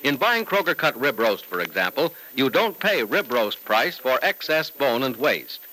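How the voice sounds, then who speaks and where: An American man announcing in 1940s radio style, giving an emphatic, polished sponsor pitch. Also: sing-song, normal speed, bright, forceful tone, slight background noise, poor audio. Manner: emphatic, polished salesman delivery.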